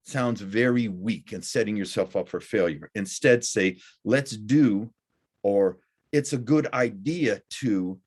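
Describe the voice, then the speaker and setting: A middle-aged man teaching a recorded college lecture, talking deliberately with frequent "uh" fillers. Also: fairly low pitch, darkish tone. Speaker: college instructor.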